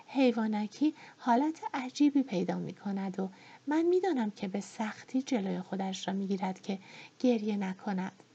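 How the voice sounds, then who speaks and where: A woman voicing a gentle, kind young woman who speaks in a soft, soothing, half-whispered way, in a dull lo-fi recording. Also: medium pitch, breathy edge.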